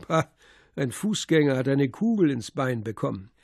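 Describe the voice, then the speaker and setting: A commanding middle-aged commissioner, as an audiobook reader puts him on, giving orders in a brisk, assured way. The voice is gravelly with a husky edge. It sits close and dry, with no room around it. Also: male voice, mid-range voice, very animated, darkish tone, no echo. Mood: jovial. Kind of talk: audiobook character voice.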